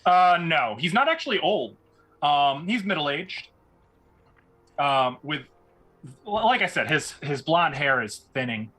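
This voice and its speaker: A man works as game master, narrating a tabletop fantasy game. His voice is crisp-edged and bright, pitched a bit above the usual male range. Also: expressive, slow pace, pauses often, soft background music.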